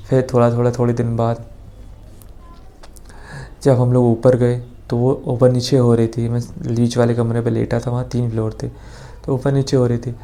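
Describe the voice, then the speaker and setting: Young man, casual storytelling, flat delivery, mellow dark tone, rambling. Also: medium pitch, normal speed, pauses often. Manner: rambling, many restarts and quoted dialogue. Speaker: vlogger.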